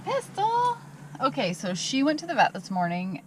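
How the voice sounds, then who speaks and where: A woman chatting casually on her van life vlog, upbeat and quick to laugh, recorded outdoors at a campsite. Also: medium pitch, animated, a little hiss or hum, low-quality recording.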